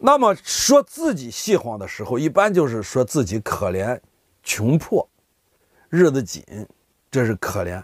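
A vlogger casually explains local dialect words to camera, animatedly acting out everyday examples in the voices of ordinary speakers. His medium-pitched voice is a little slow and slightly rough. The studio-quality recording has no room sound.

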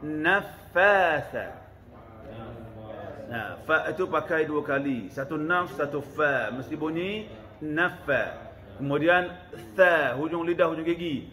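A high, bright male voice with a Malaysian Malay accent leads a recitation lesson at an unhurried, deliberate pace. He chants short verse fragments, then drills single letter sounds over and over, correcting with brief spoken asides. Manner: repeats sounds slowly and corrects, quick asides. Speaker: Quran recitation teacher. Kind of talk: talaqi pronunciation lesson, modelling and chanting verses.

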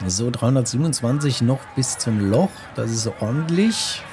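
A man hosting a casual let's play, musing aloud as he works out each move. His voice sits at a medium pitch, with faint game ambience behind it. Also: lively intonation, moderate pace, background noise. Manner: musing, talking to himself. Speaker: gamer, let's play host. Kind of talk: casual gameplay commentary, thinking aloud.

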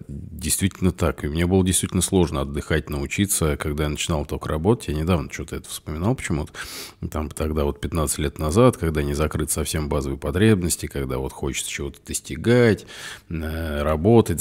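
A middle-aged man, a psychotherapist co-hosting a podcast, talking in a relaxed, reflective way about his own habits. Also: very deep voice, fairly quick. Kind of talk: casual conversation.

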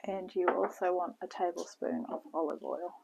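A woman giving a relaxed, step-by-step cooking demonstration in her home kitchen, talking toward a camera on the counter. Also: fairly low pitch, vocal fry, slightly rough. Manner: slow, relaxed step-by-step instructions with frequent "okay". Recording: noisy home video with kitchen clatter.

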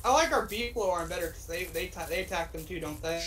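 A young adult woman chatting casually while playing a co-op game, excitable one moment and apologetic the next. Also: fairly low pitch, slight background noise, poor audio. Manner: excitable and apologetic, quick bursts. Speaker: co-op game player. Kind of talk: casual gaming chat.

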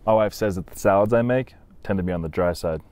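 A man's voice: sits low, fast, darkish tone, no echo. A man, telling short jokes outdoors. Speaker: dad-joke teller. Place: outdoors on a lakeside dock.

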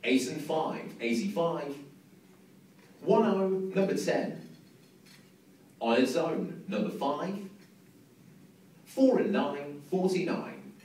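A young man works as a bingo caller, chanting numbers in measured, repeated phrases. His voice sits a little high and booms with heavy echo through a big hall's PA. It is picked up from a distance. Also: expressive, a little mellow. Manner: measured sing-song number calls, each repeated. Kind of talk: bingo calling over a hall PA, numbers in set rhythmic phrases. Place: large indoor bingo hall. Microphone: PA sound picked up by a distant camera. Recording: echoey PA, distant mic, faint hall noise.

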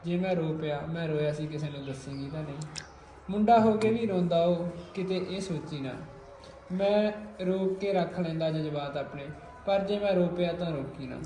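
A man's voice: a little high, normal speed, mellow. A man, a friend of the host, teasing him and reciting a poem. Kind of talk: casual banter and poem recital. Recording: echoey, off-mic.

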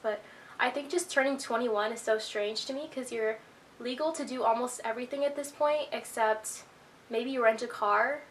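A woman's voice: fairly high pitch, pushed and bright, slight background noise. A woman of twenty-one chatting to camera in a rambling life-update vlog, a little out of breath from being sick. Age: 20s. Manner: chatty, rambling, filler-heavy. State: slightly out of breath from illness. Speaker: YouTuber.

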